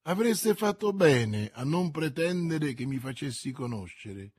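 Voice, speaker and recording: A man reading aloud and voicing a grave musketeer who speaks coldly and calmly, with a husky voice. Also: a little high, no echo, studio quality, full character voice. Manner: cold, measured, calm.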